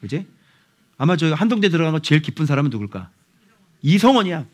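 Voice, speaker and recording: This is a forties-aged male pastor whose voice runs a little high and fast. He gives an expository church sermon energetically, performing voices and shouting.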